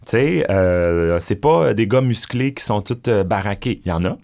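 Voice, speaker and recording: This middle-aged man, a drag performer with a Québécois French accent, speaks at normal speed in a lowish, creaky voice. As an interview guest, he tells stories in a chatty, animated manner with plenty of fillers.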